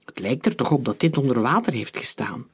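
A man voicing a calm, matter-of-fact young searcher in a read-aloud storybook. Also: mid-range voice, fairly quick, slightly rough, voice pushed down. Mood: sober.

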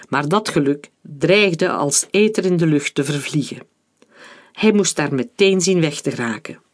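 A man narrating an adventure novel as an audiobook in a calm, steady reading. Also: on the high side. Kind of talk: scripted narration.

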